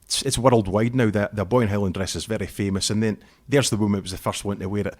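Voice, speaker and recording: Northeast Scottish man, low, chatty. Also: fast. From northeast Scotland. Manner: relaxed, talkative, uses Scots words like wee and aye. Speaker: guest musician. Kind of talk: casual interview chat.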